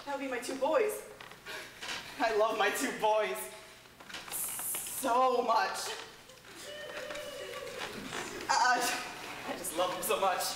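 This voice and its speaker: A woman's voice: a little high, slow, long pauses. A woman playing a foolish, melodramatic king in a broad stage comedy, with a theatrical delivery. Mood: eager, doting. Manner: exclamatory, theatrical. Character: melodramatic, foolish king, doting yet callous. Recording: very echoey, distant, noisy stage recording.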